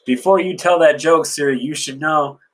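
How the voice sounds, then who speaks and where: A man voicing a towering tough woman who issues a warning, reading her in a deep, husky voice. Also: normal speed, a bit bright.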